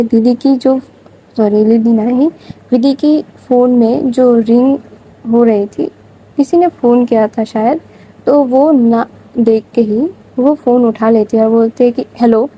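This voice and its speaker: A woman's voice: a little high, warm tone, husky, rough recording. A woman narrating a love story in a chatty, loose way, with little asides.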